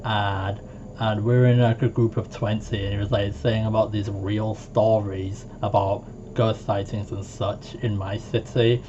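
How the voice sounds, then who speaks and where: A man telling stories in a casual, rambling vlog monologue, full of fillers, with jumps into a much higher voice when he quotes people. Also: level tone, measured pace, mellow. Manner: rambling, heavy on fillers like "like" and "it's where". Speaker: storytime vlogger. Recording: dull lo-fi home recording with faint noise.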